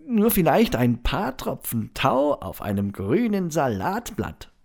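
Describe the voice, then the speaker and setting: A gentle, modest female turtle from a children's storybook, speaking softly and politely, as a reader puts her on. Her unhurried voice rises and falls very freely. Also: medium pitch, big pitch swings, creaky, voice pushed up, heavily acted.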